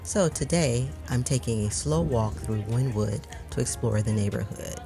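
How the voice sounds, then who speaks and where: A measured, even-paced narrator reads a scripted travel voice-over at a middling pitch. Soft background music runs underneath the voice. The delivery is calm and steady. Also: vocal fry. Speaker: vlog narrator.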